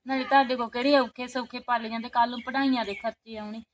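A woman's voice: on the high side, fairly even intonation, natural voice. A woman playing a childless village woman, pleading. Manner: pleading, halting, soft-spoken. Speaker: sister-in-law's visitor. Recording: loud background noise, crows cawing.

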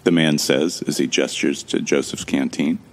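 A first-person sci-fi audio drama is told by its narrator-protagonist, a man whose extremely deep voice carries a gravelly fry. He talks at normal speed with fairly even intonation, in a wry, casual way, joking around and swearing occasionally.

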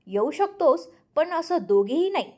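A quick-tempered young man in a storybook reading, suspicious and easily riled, put on by a woman narrator. His lines rise above her usual pitch and come out louder. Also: big pitch swings. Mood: agitated. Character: exasperated young man, teasing Ranjit.

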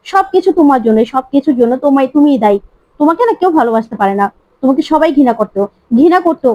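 A woman's voice: high-pitched, lively intonation, fast talker, no echo. A woman voicing a young maid who is tearful and fiercely loyal, wailing and then accusing. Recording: slightly muffled dry recording.

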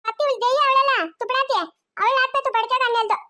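A woman's voice: extremely high pitch, fairly even intonation, fast talker. A woman playing an enraged older woman who hurls insults in a rural in an amateur family drama. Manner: shouting insults.

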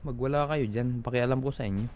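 A man's voice: medium pitch, fast talker, a little hiss or hum. Joking Filipino young man gaming. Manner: joking, reacts loudly, sings and mocks along. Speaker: gaming YouTuber. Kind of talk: let's play commentary.

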